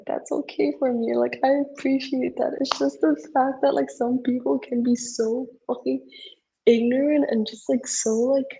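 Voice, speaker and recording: Over poor audio, a young woman co-hosting a casual podcast rambles and vents in English, swearing and filling gaps with filler words; Indonesian was the language she grew up speaking. Her slightly high voice sounds gravelly, dark, and breathy.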